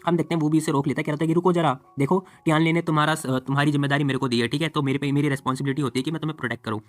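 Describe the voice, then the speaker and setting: A man's voice: fairly high pitch, fairly even intonation, racing, dry recording. A man narrating a comic story in a chatty recap style, voicing the characters' lines and adding personal asides. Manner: chatty, retells scenes and voices characters' lines. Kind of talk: casual storytelling recap with quoted dialogue.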